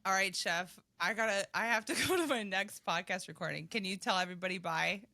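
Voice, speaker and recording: A woman hosting a podcast, chatting casually with a playful, giggly manner. Her voice is bright and crisp. The sound is dry and close, with no room around it. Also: medium pitch, a little fast, dry recording. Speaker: podcast host. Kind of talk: casual chat.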